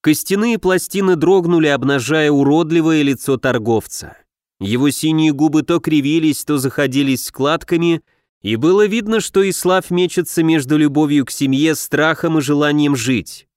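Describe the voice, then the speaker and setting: Male audiobook narrator, slightly high voice, dry close recording. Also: moderate pace, darkish tone, no echo. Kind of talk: scripted narration.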